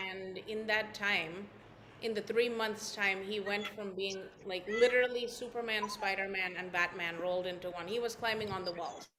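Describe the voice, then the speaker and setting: A woman yoga teacher leading a workshop, telling a story in a gentle way and going soft and quiet when she repeats calming phrases. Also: mid-range voice, a little hiss or hum. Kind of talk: workshop talk with guided repetition. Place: workshop room.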